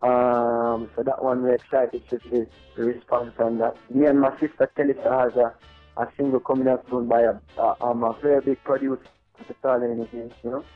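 Over a tinny phone line with faint background music, a male reggae artist calls a radio show for a casual interview. His mid-range voice moves at a moderate pace as he talks in a loose, rambling way, repeatedly tossing in "you know what I mean."

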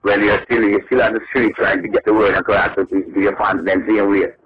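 A man's voice: lowish voice, flat delivery, fairly quick, slightly rough, no room sound. A man, a reggae artist talking over the phone in a casual radio interview, in a loose, repetitive, upbeat patter. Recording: muffled phone-line audio.

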